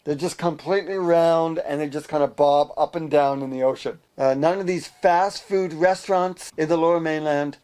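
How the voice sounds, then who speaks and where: A man co-hosting a comic animal news show, delivering jokes deadpan. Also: fairly high pitch. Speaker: co-host. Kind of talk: joking news banter.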